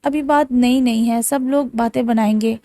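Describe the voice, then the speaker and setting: A woman's voice: on the high side, fairly even intonation, mellow, natural voice. A woman voicing a shy, ashamed young student. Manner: reluctant, embarrassed.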